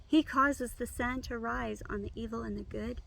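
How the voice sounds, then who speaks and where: A woman reciting memorized scripture by rote, in measured, complete phrases. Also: on the high side, steady tone, creaky, fairly bright tone, slight background noise, low-quality recording.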